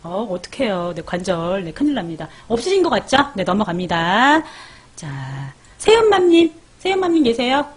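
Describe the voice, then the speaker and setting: A woman's voice: on the low side, sing-song, normal speed, husky. A woman hosting a live parenting stream, chatting casually as she reads viewer comments, calls out their names and gives baby sleep tips.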